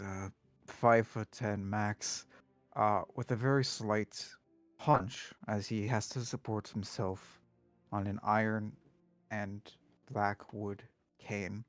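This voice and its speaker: A man playing a tabletop game, improvising character description in halting, deliberate phrases. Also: lowish voice, dry recording, soft background music. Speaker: player.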